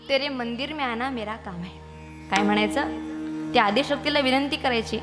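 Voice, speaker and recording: A woman preaching a devotional kirtan sermon, teasing her women listeners and calling for answers in lively call-and-response. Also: high voice, in a large hall.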